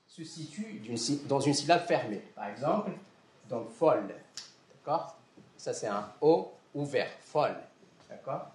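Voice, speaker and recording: A man's voice: fairly high pitch, roomy sound. A man giving a lecture, explaining step by step and often checking that his students follow. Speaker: university lecturer.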